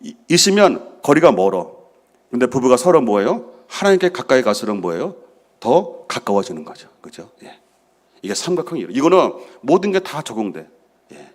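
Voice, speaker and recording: A man's voice: mid-range voice, big pitch swings, normal speed. A middle-aged man preaching a sermon as senior pastor, asking the congregation questions and answering them himself. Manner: drops to a soft hush for prayers he acts out.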